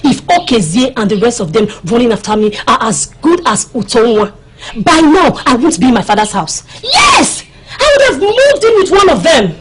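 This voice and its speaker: An actress playing a playful young village woman with a husky voice, teasing her friend insistently. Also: a little high, lively intonation, fairly quick, hardly any pauses, a little hiss or hum, natural voice.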